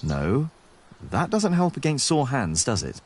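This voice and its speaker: A man's voice: medium pitch, wildly swooping pitch, measured pace, slight background noise. An actor playing a friendly, easygoing young male apprentice, in video game voice acting.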